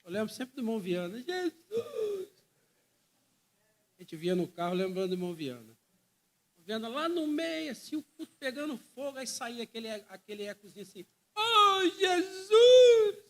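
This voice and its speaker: A man's voice: high-pitched, quick pace. A man with a Brazilian Portuguese accent preaching a sermon, fervent and emphatic, often repeating phrases and calling listeners brother.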